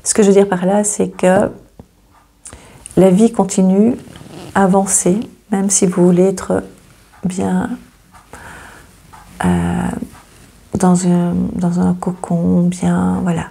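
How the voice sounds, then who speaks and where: Woman host, low gravelly voice, hesitant and reassuring astrology talk, flat delivery. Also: takes it slowly, long pauses. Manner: hesitant, many fillers and repeats, gently reassuring. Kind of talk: casual astrology reading to camera.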